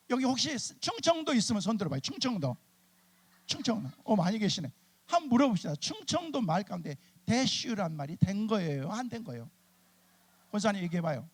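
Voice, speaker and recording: A middle-aged male pastor preaching at a church revival meeting. His voice sits very high for a man and has a gravelly, creaky grain. He talks in a chatty, animated way and acts out the people in his stories. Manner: chatty and animated, acting out church members' lines. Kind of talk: humorous storytelling sermon.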